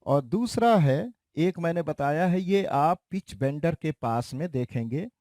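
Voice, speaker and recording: A man giving a slow, explanatory keyboard tutorial in a casual way, talking straight to his viewers. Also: a little high, lively intonation, warm tone, no echo, clean studio sound. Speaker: keyboard teacher. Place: recording studio.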